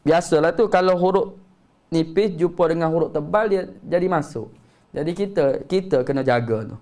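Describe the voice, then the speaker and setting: A man with a Malaysian Malay accent teaching tajwid in a live-streamed lesson, patiently correcting and slowly demonstrating recitation. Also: fairly high pitch, a little mellow.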